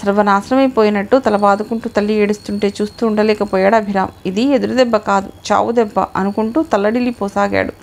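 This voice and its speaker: A woman reading a novel aloud as narrator, in a measured, expressive storytelling manner. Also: mid-range voice. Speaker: audiobook narrator.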